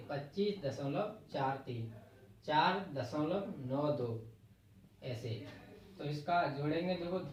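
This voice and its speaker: In a very echoey, distant room with dull lo-fi sound, a man with an Agra-region Hindi accent teaches a math lesson. His voice is fairly high and darkish in tone, and he explains step by step, counting digits aloud.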